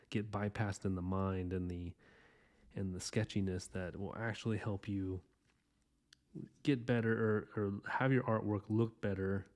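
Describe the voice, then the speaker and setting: A man in his thirties with a lowish voice and dark tone hosts a drawing podcast, talking loosely through a lesson while he sketches. He's rambling and chatty, with many restarts.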